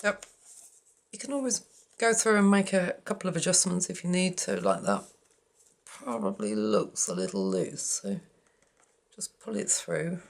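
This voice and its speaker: A woman with a lowish, expressive voice hosts a crafting tutorial, chatting casually at a table and tossing in self-deprecating asides as she works. She speaks at a measured pace with vocal fry and long pauses. An overhead camera films the work while she stays out of frame.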